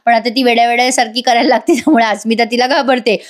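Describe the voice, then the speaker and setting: Chatty high-voiced woman recapping a serial. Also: steady tone, racing. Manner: chatty, addresses viewers directly; mixes English words in. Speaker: TV serial reviewer. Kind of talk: voice-over episode recap.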